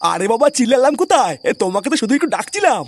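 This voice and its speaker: A man's voice: extremely high pitch, sing-song, very fast, exaggerated voice. An actor voicing a lazy, hungry middle-aged husband in a cartoon, pleading and whining at his wife. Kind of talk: Bengali cartoon dub.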